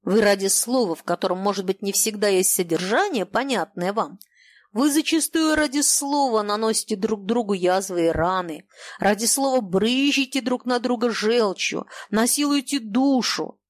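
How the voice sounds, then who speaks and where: A man's voice: high voice, moderate pace, lightly acted. A woman reading an audiobook, voicing a bitter, defiant young male feuilletonist who declaims with passion. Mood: impassioned. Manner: impassioned declamation.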